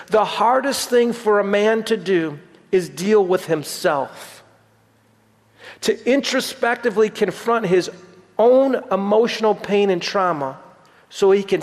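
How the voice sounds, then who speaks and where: A man's voice: sits high, vocal fry. A middle-aged man preaching a sermon as pastor, earnest and repeating phrases for emphasis. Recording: long hall reverb.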